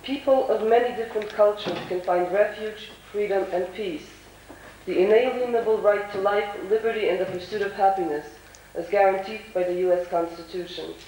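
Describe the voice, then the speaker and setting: A woman's voice: medium pitch, fairly even intonation, moderate pace, dark tone. Young woman with a congested nasal twang. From United States, New York. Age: young adult. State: congested with a bad cold. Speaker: youth panel speaker. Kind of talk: prepared public speech. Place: large echoey room at a conference. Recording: very echoey hall, distant mic, faint noise.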